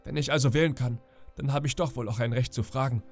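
A man's voice: mid-range voice, steady tone, fast talker, a little mellow, faint music behind, close to an everyday voice. A man reading an audiobook, voicing a young ship's boy who stands up to pirates. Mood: defiant. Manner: trembling then bold and heated. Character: frightened but defiant young ship's boy.

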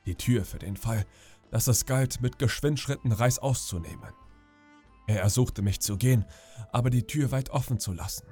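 A man reading a bedtime audiobook in a calm, measured storytelling way. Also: medium pitch, soft background music. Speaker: audiobook narrator.

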